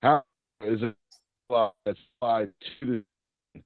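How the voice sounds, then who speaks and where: A man's voice: medium pitch, fairly even intonation, slow, no room sound. Man on a choppy, breaking-up internet call. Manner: hesitant, searching for words. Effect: choppy internet call audio that keeps breaking up. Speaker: participant asking a question on a video call. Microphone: computer or phone mic on a video call. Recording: dull lo-fi online call audio.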